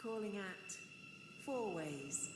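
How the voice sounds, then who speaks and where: A woman giving automated railway announcements over a station PA loudspeaker, in measured, evenly spaced phrases. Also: mid-range voice, animated. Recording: echoey station hall with background noise.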